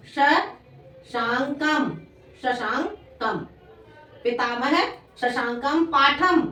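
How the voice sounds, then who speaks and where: A woman teacher giving a slow, repetitive classroom lesson, dictating sentences and calling her students "beta". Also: sits high, bright, forceful tone. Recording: echoey room, voice from far off.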